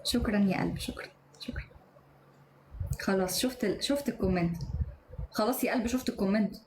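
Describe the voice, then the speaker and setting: A young Egyptian woman hosts a live stream on her phone from home, firing back fast, cutting replies at her viewers' comments. Her voice sits at a middle pitch, and a faint hum of room ambience hangs behind it. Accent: Egyptian Arabic. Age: 20s. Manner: sharp-tongued, quick retorts to viewers. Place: indoors at home.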